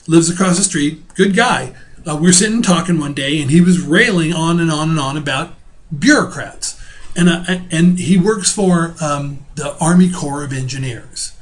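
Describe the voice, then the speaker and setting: A middle-aged man teaching a relaxed recorded video lecture from home, talking casually with fillers and restarts. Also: a little high. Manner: spells out terms slowly.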